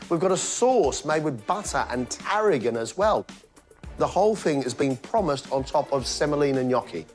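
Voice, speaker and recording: A man with a British accent, a cooking competition judge, giving measured, emphatic voice-over commentary on the dishes. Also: on the high side, lively intonation, a little mellow, soft background music.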